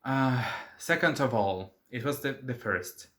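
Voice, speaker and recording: A man's voice: mid-range voice, animated, measured pace, fairly bright tone. A man hosting his own channel, giving his opinion in a casual, hesitant vlog with many fillers. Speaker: channel host.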